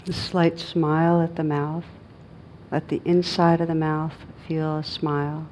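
A low-voiced woman teaches meditation in a soft, very level delivery, pausing long and without hurry between phrases. The recording is low quality, with faint noise and rumble underneath.

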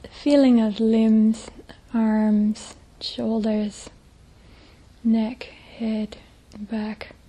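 Speaking as a meditation teacher, this woman guides listeners in a hushed, breathy, soft voice, leaving long pauses. Her pitch is fairly high and barely moves, and the recording is rough.

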